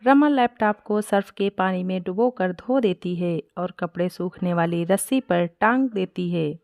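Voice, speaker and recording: A woman's voice: lowish voice, measured pace, no room sound, studio quality. A woman giving scripted narration of a family story as storyteller. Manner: plain, steady storytelling.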